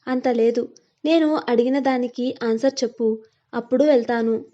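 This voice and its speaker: Woman reading as a young man, teasing fiancé, high voice, mellow tone, playful, storybook role, dull lo-fi sound. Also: steady tone, moderate pace, close to an everyday voice. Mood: playful, doting.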